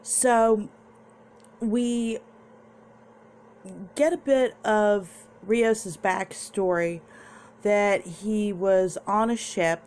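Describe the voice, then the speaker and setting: A woman's voice: medium pitch, steady tone, extremely slow, pauses often, darkish tone, clear, resonant tone. A young woman vlogger casually recapping and reviewing a TV episode, chatty and meandering, with restarts.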